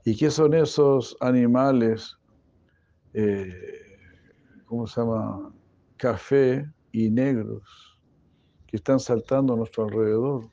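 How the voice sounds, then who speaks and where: A man's voice: medium pitch, slow, pauses often, dark tone, no room sound, dull audio. A man voicing a curious young boy. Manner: eager questioning. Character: curious young boy asking about animals.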